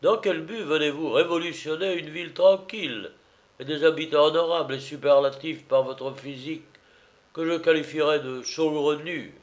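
A man voicing a pompous, blustering male gendarme who barks his questions loudly. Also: on the high side, steady tone, moderate pace, voice pushed up, close to an everyday voice. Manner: loud, pompous, bullying.

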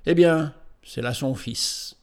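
A man's voice: fairly high pitch, slow. A man voicing a Roman officer who answers in a curt, dry and clipped manner in a storybook reading.

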